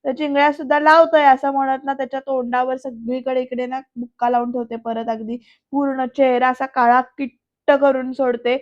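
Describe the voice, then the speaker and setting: A woman narrates a TV serial recap in a high, level voice that barely rises or falls. She walks through each scene in turn and talks straight to her audience. The recording sounds dull and lo-fi. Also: level tone, a little fast. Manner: retells scenes step by step, addressing viewers directly. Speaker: TV serial reviewer. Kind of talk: voice-over episode recap. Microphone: voice-over, not recorded in the pictured place. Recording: dull lo-fi voice-over.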